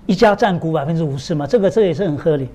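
Animated middle-aged male preacher. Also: rapid-fire. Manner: animated storytelling, swinging from low asides to high emphatic questions; often asks the congregation rhetorical questions. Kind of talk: sermon.

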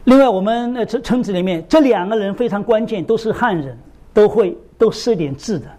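Middle-aged guy preaching, storytelling sermon, voice jumps way up then drops low, keeps asking the congregation questions. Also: brisk. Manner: animated storytelling, swinging from low asides to high emphatic questions; often asks the congregation rhetorical questions.

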